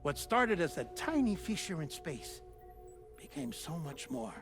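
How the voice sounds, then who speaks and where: A man's gravelly voice sits on the high side and swings widely in pitch, in a full character voice over background music. He plays an eccentric, friendly researcher narrating a video game cutscene, explaining with intrigued, theatrical storytelling, chuckling and pausing for drama.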